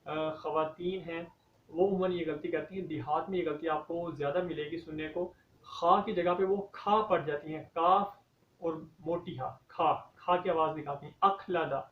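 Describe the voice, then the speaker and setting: A man teaching Quran recitation, explaining common mistakes and reciting verses slowly and drawn out. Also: fairly high pitch, steady tone, slight background noise. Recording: dull, echoey, from a distance.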